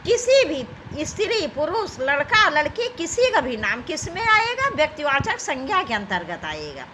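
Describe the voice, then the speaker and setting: A woman's voice: sits high, wildly swooping pitch, moderate pace, bright, forceful tone, a little hiss or hum, rough recording. A woman teaching an exam-prep grammar lesson, reading out questions and options and addressing her students as children. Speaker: Hindi teacher.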